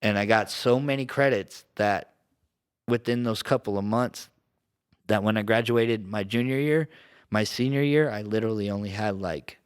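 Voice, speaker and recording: A man's voice: on the low side, moderate pace, smooth. A man from Southern California, a podcast guest, telling casual stories in a rambling, slangy way with lots of fillers and restarts. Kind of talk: casual storytelling.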